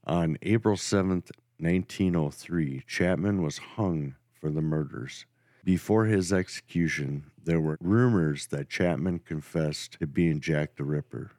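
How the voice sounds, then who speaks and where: Very deep-voiced man telling true crime. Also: a little slow, no room sound, clean studio sound. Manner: steady, matter-of-fact narration. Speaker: podcast host.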